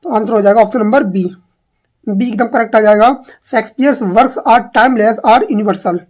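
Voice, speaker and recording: A woman teaching an exam practice lesson, reading English questions out slowly and then explaining quickly in Hindi, repeating each answer and asking herself questions. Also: fairly high pitch, fairly even intonation, a little mellow.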